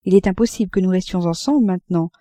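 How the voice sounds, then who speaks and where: A woman's voice: fairly low pitch, quick pace, warm tone, no room sound, close to an everyday voice. Woman reading as an anguished pleading mother. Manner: impassioned, pleading, breaking with emotion. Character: anguished middle-aged mother, pleading and fearful.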